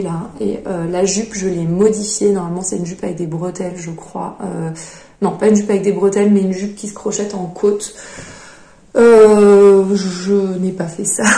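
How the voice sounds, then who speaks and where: A woman's voice: mid-range voice, dark tone. A woman hosting a knitting podcast, chatting casually as she shows her projects, with many fillers and hesitations. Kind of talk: casual show-and-tell chat. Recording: echoey room.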